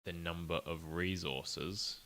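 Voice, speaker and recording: A man's voice: deep voice, fairly even intonation, slow pace, bright, forceful tone. A young man streaming as an indie game developer, muttering and thinking aloud in a casual, apologetic way. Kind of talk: casual live-stream chat while coding.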